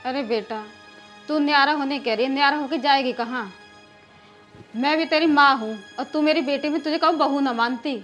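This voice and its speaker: A woman's voice: sits high, normal speed, a bit bright, soft background music. A scolding village mother-in-law. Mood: pleading. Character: scolding rural mother-in-law, middle-aged woman. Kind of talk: rural film drama acting.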